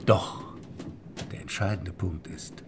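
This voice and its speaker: A man acts the role of a shrewd, methodical former banker who became a forger in a historical German radio drama. His low-pitched, steady voice explains things deliberately with pointed pauses, in a sly mood, over slight background noise.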